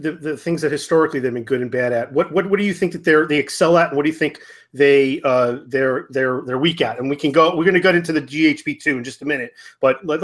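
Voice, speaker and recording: Man, host, slightly high voice, halting, lots of ums and restarts, casual gaming chat. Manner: halting, many fillers and restarts. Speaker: podcast host. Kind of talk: casual hobby gaming discussion.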